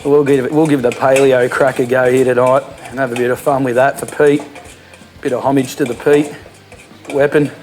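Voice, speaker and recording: A man's voice: mid-range voice, little pitch movement, moderate pace, a little mellow, slight background noise. An Australian man hosting a comic home cooking show in a laid-back, slangy way, full of fillers, in a kitchen.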